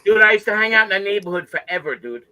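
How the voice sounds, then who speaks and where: Man, very sharp forceful tone, high pitch, insistent repetitive slangy chat. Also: expressive, quick pace, smooth, no echo, rough recording. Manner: insistent, repeats himself, slangy. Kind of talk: casual, excitable chat.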